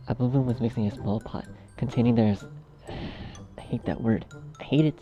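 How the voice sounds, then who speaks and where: Loud music runs over this lo-fi recording of a narrator-editor fumbling through a story in outtakes. Exasperated and sweary, he starts sentences over and curses himself under his breath. He speaks at a moderate pace in a mid-range voice.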